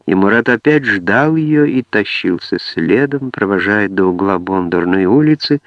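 A man reading an audiobook in a measured storytelling manner. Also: on the low side, animated, no echo. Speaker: audiobook narrator. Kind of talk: scripted narration. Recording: dry, dull lo-fi audiobook.

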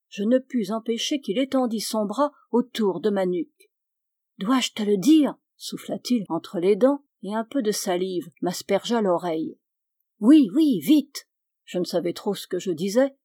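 Calm mellow woman reading a novel. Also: mid-range voice, dry recording, studio quality. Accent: French. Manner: measured, calm storytelling. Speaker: audiobook reader. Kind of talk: literary audiobook narration.

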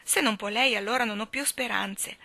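A dramatic young girl who gushes and sighs over every feeling, pitched higher and bright in tone, as a woman reads her aloud. Her speech is breathless and theatrical, like a romantic character in an audiobook. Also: moderate pace, vocal fry, full character voice. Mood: gushing.

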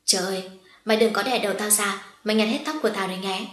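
Woman reading as a brash, loud young woman. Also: medium pitch, roomy sound, close to an everyday voice. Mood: teasing. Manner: loud exclamations, quick retorts. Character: spirited young woman, blunt and teasing.

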